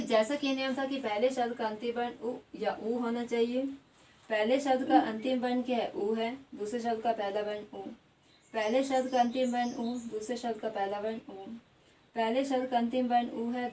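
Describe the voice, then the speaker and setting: A woman's voice: on the high side, dark tone. Woman teacher explaining step by step. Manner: asks the class questions and answers them herself, repeats words slowly; adds a tag question after most points. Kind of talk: classroom grammar lesson. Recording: slightly distant mic with faint background noise.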